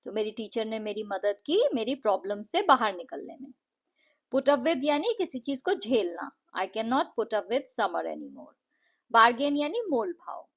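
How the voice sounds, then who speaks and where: A woman with an Indian accent teaching an English lesson in an explanatory way. She reads the English lines slowly and deliberately, then explains them more quickly. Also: fairly high pitch, sing-song, vocal fry, fairly bright tone. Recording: dull lo-fi recording.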